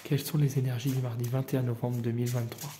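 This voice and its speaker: Speaking at a quick pace in a mid-range, level voice, this card reader from the Paris area of France improvises a relaxed reading for his daily guidance videos. He chats loosely and speaks straight to the viewer, with background noise and the echo of a roomy room.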